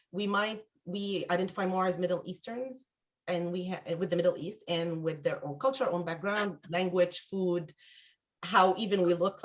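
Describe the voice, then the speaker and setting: A middle-aged woman from Egypt, answering interview questions in a thoughtful, hesitant way, with many fillers and restarts. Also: on the low side. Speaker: guest. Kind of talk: conversational interview.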